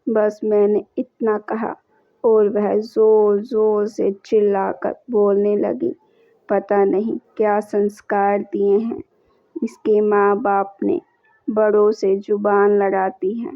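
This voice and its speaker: A woman's voice: mid-range voice, flat delivery, slow, dry recording. A woman voicing a young newlywed who confides to her mother in a pleading, tearful way. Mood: upset. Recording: dull lo-fi recording.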